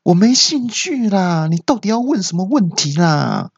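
A man voicing an impatient young female dental nurse who yells in exasperation. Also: sits high, big pitch swings, normal speed, creaky, slightly rough, no room sound, highs cut off, pitched above the performer's own voice, heavily acted. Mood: shrill, exasperated. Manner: exasperated yelling, scolding.

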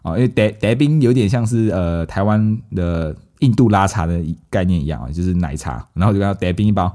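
A man's voice: low-pitched, brisk. A man, telling a story casually as a podcast host and acting out his family's lines. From Malaysia. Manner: lively anecdote-telling, acts out quoted family members.

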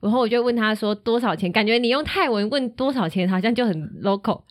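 A woman's voice: a little high, fast talker. A woman with a Taiwanese Mandarin accent co-hosting a podcast, chatting in a bubbly way and acting out the voices of people in her stories. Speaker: podcast co-host. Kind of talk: casual chat.

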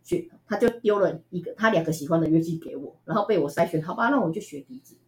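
A woman from Taiwan with a Taiwanese Mandarin accent, telling stories as an interview guest in a chatty, animated way with frequent laughs. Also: lowish voice, fast talker. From Tainan, Taiwan. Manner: chatty, animated, laughs often, many fillers. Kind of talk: casual storytelling interview.

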